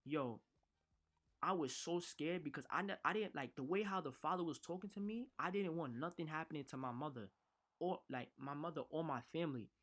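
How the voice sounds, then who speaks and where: A man's voice: a little high, fairly quick, fairly bright tone. Man rambling through a storytime in slang. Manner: rambling, full of slang and restarts. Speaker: vlogger. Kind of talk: casual storytime.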